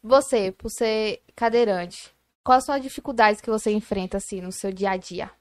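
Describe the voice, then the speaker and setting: A woman's voice: medium pitch, normal speed. A woman chatting casually and asking questions as an interviewer. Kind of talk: casual chat.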